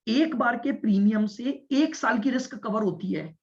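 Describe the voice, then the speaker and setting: A man's voice: very high voice, gravelly. A man teaching a commerce class, explaining step by step, repeating his points and checking whether the students follow. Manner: speaks deliberately and stresses listening. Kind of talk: classroom lecture. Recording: dull lo-fi lecture recording.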